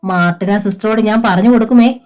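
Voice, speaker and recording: A woman's voice: mid-range voice, fairly quick, a little mellow, faint music behind, lightly acted. A woman voicing a shy but scheming young convent worker in a storybook reading. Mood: eager.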